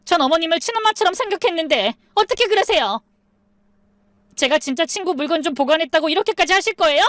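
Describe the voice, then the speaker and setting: A woman's voice: expressive, normal speed, no room sound, clean studio sound, natural voice. A woman voicing a young daughter-in-law who pleads and sobs defensively. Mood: hysterical. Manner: pleading, rising to shrill sobbing.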